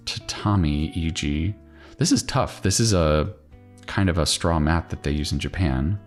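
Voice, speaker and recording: A man with a low voice talks casually as he works through a puzzle, thinking out loud. He muses and asks himself questions along the way. Plucked guitar music plays behind him. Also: vocal fry. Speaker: crossword solver hosting a solve-along video.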